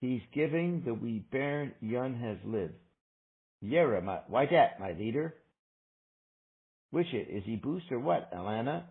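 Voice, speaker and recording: A man's voice: mid-range voice, animated, a little slow, long pauses, phone-quality sound. A man reading literary dialogue aloud as a quarrelsome questioner, in a stagy, questioning way.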